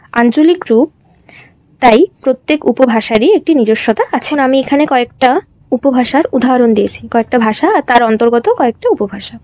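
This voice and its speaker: A woman's voice: sits high, dry recording. A young woman student teacher from West Bengal, India, presenting a lesson and asking herself questions she then answers. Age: young adult. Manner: explains in a steady question-and-answer pattern.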